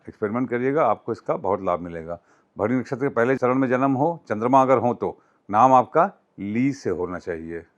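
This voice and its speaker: A man in his fifties, an astrologer teaching from his personal notes, rattling off long strings of numbers in a steady recital. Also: medium pitch, muffled recording. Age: 50s.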